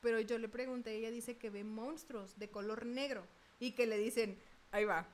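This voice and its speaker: A woman's voice: a little high, moderate pace. A woman co-hosting a podcast. She tells a personal story in casual chat, quoting voices and laughing. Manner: expressive, quotes voices, laughs. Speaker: podcast co-host.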